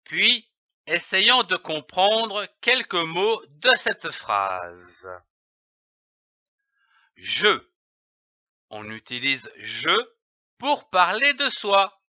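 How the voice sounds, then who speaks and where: Slow, bright-voiced man spelling out syllables. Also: high voice, huge pitch swings, dry recording, highs cut off. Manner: spells each syllable letter by letter, then says it. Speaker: reading teacher. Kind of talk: slow, spelled-out reading lesson for young children.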